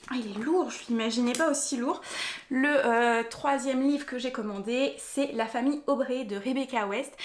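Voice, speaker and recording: Young female vlogger, slightly high, rambling and hesitant, echoey room. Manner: chatty, many fillers and restarts. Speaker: book vlogger. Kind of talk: casual vlog chat, unboxing. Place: rural home, later in a henhouse.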